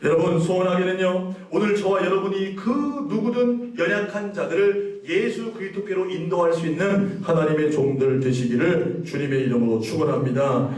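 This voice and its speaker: A man delivers a sermon as a pastor, often asking his congregation questions and pressing his points with emphasis. His voice sits a little high. He is picked up from a distance in a very echoey church hall. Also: moderate pace, hardly any pauses, a little mellow. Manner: preaching with questions to the congregation, rising emphatic passages. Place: church sanctuary.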